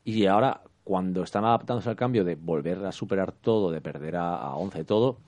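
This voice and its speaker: A man chatting casually as a podcast co-host about a TV series, rambling and animated. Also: low voice, brisk. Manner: rambling, animated, quotes characters. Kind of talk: casual chat reviewing a TV series.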